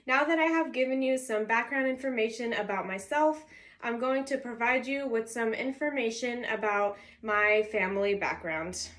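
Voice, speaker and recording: Her voice sits on the high side, with a fairly bright tone and a moderate pace. She's a twenty-one-year-old student, raised in California with Arabic as her native tongue. She reads a prepared introduction speech for a college class, clearly organized and signposted.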